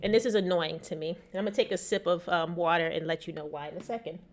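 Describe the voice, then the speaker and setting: A woman's voice: lowish voice, fairly even intonation, fast. A woman hosting a casual explanatory talk in a slightly shaky voice worn by a lingering cough, making her points emphatically and with opinion. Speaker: host, small business technology educator.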